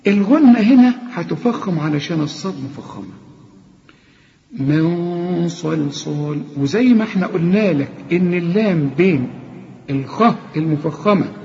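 A man with an Egyptian accent teaching Quran recitation, explaining each rule step by step and then chanting the words slowly. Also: sits high, dark tone. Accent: Egyptian Arabic. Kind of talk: tajweed lesson with chanted examples. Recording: dull lo-fi recording with long reverb.

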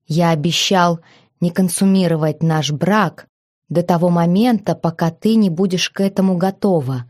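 A woman voicing a self-assured young husband who speaks in a lazy, unhurried, mocking tone. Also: low-pitched, darkish tone, no room sound, studio quality.

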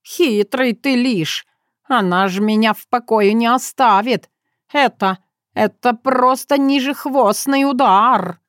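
A woman's voice: on the high side, takes it slowly, no room sound, studio quality, pitched above the performer's own voice. A woman reading a storybook, voicing a stubborn, theatrical male cat who protests indignantly. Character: Terentiy, stubborn dramatic tomcat, male.

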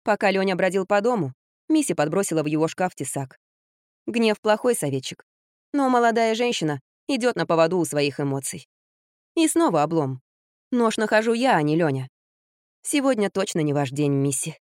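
A woman reading a first-person audiobook with expressive, brisk storytelling. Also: on the low side, dry recording, studio quality. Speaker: audiobook narrator.

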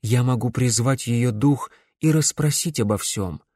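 A man reading an audiobook, voicing a stern middle-aged woman necromancer who speaks in a measured, insistent way. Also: medium pitch, warm tone, husky, dry recording, clean studio sound.

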